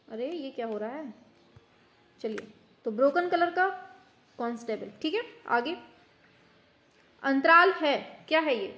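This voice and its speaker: A woman teacher running a quick quiz lesson, brisk and teasing, scolding her students in mock anger as if they were children. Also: high-pitched, fairly bright tone. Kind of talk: online exam-prep quiz lesson.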